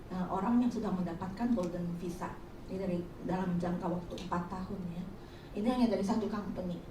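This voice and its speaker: A middle-aged woman from Indonesia talks through her experience in a loose, chatty way, often pausing to hunt for words. Her voice sits at an ordinary pitch and comes from some distance from the mic. The room is noticeably echoey, with a faint hiss underneath. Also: a little mellow. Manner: chatty, explaining with frequent hesitations. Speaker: webinar speaker. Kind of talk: informal presentation.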